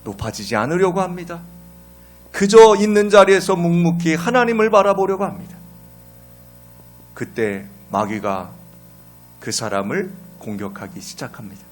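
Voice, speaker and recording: Male pastor, sermon, high voice, very lively pitch, dramatic delivery. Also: moderate pace, pauses often. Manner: dramatic preaching, rising and falling, questions to the congregation.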